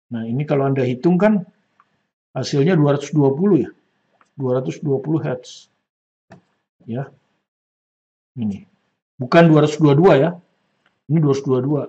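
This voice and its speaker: A man's voice: on the high side, normal speed, long pauses, mellow, dull audio. An older man teaching a physics lesson, patiently repeating key points and checking in with the class. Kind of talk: classroom lecture.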